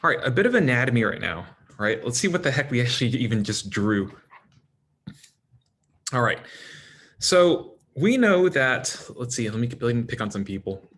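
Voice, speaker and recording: A man teaching an anatomy class in a relaxed, conversational way, calling on students by name and checking in with "right?" and "okay?" often. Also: medium pitch, fairly quick, breathy edge. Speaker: anatomy instructor. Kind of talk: classroom lecture.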